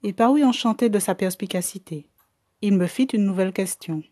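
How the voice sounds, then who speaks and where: A woman reading a science fiction story aloud as an audiobook narrator, in a measured storytelling manner. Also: medium pitch, dark tone, no room sound, studio quality. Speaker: audiobook reader. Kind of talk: scripted narration.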